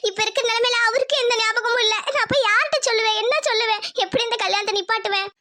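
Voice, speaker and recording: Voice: very high voice, steady tone, racing, bright, forceful tone. Someone voicing a tearful young bride. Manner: tearful, despairing. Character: young village woman, distressed bride-to-be.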